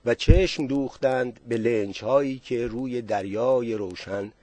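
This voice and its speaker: A man reading a story aloud with calm, even narration. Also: mid-range voice, dry recording.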